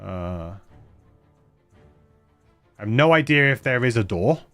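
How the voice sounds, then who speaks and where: A man's voice: mid-range voice, expressive, slow, fairly bright tone, faint music behind. Wry man chatting while streaming. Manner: wry, chuckling asides. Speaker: streamer playing a game. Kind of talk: casual chat.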